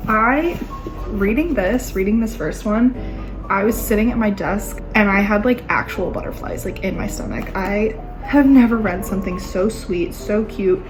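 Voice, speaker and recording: A woman in her twenties, gushing and excitable, chatting casually in a reading vlog at home, often trailing off and restarting. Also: medium pitch, normal speed, over music, low-quality recording. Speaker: book vlogger. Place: at home indoors.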